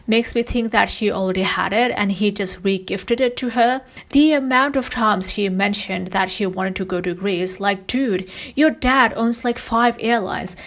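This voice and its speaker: A woman narrating a scripted video essay, critical and analytical in her delivery. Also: mid-range voice. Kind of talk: scripted commentary.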